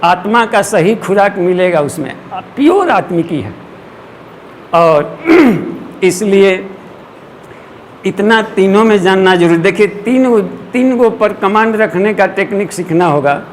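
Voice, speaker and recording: A man giving a devotional lecture, explaining earnestly to an audience and often clearing his throat. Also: high voice, a little slow, a little hiss or hum. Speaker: spiritual teacher.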